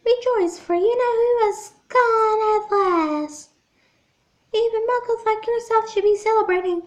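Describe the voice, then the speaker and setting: Tiny elated old man with a high squeaky voice, put on by a woman reading a storybook. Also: unhurried. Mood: overjoyed. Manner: exuberant, excited.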